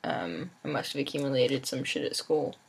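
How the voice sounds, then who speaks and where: A sleepy young adult vlogger talks in a loose, rambling way, with plenty of filler words and casual swearing. The voice has a gravelly, fried edge. The pitch rises and falls widely through each thought. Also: lively intonation, moderate pace, background noise. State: sleepy and tired.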